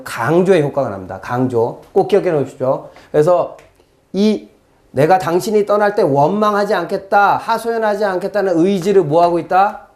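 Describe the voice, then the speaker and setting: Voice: mid-range voice, a little mellow. A teacher giving a recorded exam-prep lecture, acting out quoted lines and asking the class rhetorical questions.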